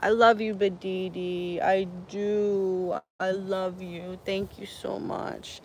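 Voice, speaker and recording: A woman's voice: medium pitch, level tone, slow, darkish tone, slight background noise. A woman chatting casually on a live stream while she tends her horses outdoors, answering viewers and cooing at the animals in baby talk.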